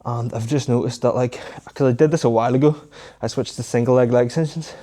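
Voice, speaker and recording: A man's voice: mid-range voice, steady tone, quick pace, mellow. A young man giving casual, matter-of-fact commentary on his training between weightlifting sets in an informal way. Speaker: fitness vlogger.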